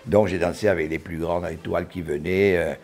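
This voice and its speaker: Man in his eighties w/ a montauban accent, deep voice, stops and restarts a lot telling old stories. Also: steady tone, darkish tone. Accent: southern French, Montauban. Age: 80s. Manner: halting, repeats words while recalling. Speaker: interviewee, retired dancer. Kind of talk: reminiscing interview talk.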